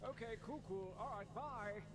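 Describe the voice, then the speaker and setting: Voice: mid-range voice, normal speed, lightly acted. An actor voicing a theatrical announcer for a cartoon tournament in a video game. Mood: offhand. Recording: loud game music over distant voice.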